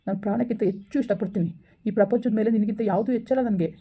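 Skit: woman playing a pleading boyfriend, rapid-fire talk through a tinny phone line. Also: medium pitch, warm tone, breathy edge. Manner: pleading, explaining over and over. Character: pleading young man, apologetic boyfriend. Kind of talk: village skit phone-call acting.

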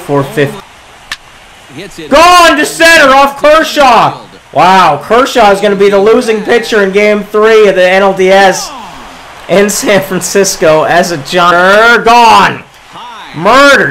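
A man giving excitable gameplay commentary, calling home runs like a sportscaster as he plays. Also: high-pitched, moderate pace, low-quality recording. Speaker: gaming video creator.

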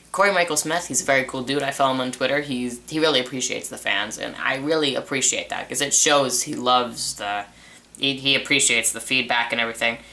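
A young man reviews a TV season casually, rambling and repeating himself with lots of restarts and "uh" fillers. His mid-range voice is bright and forceful, and there is a little hiss or hum in the recording.

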